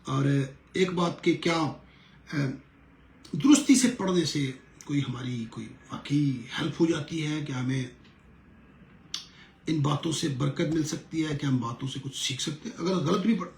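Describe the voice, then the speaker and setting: Middle-aged male pastor, earnest teacher who drills words slowly; gravelly, roomy echo. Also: on the high side, a little mellow, slight background noise. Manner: earnest, repeats words slowly to show correct pronunciation. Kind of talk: sermon-style lesson.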